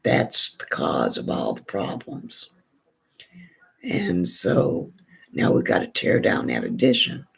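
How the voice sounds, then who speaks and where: A hoarse woman with a gravelly, raspy voice, chatting in a rambling way and restarting often while she does her makeup for a vlog. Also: extremely low pitch, wildly swooping pitch, slow pace. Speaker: beauty vlogger. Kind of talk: casual chat while doing makeup.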